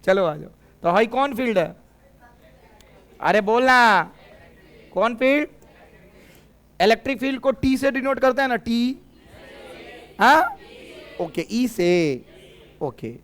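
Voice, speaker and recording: A man's voice: very high voice, expressive, unhurried, pauses often, fairly bright tone, clean tone. A middle-aged man teaching physics in a classroom, with a Bhojpuri-tinged Hindi accent, teasing students and drilling them in call-and-response. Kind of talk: lively classroom lecture.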